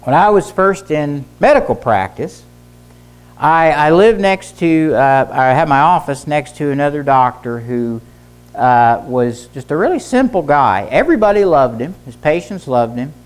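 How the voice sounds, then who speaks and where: A man's voice: a little high, animated, measured pace, clear, resonant tone. A middle-aged man preaches at a church service, his delivery earnest and built on stories. He drives his points home by repeating short phrases, like a teacher who has told these stories before. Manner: earnest storytelling with emphatic repetition. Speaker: pastor and teacher, former physician. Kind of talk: sermon.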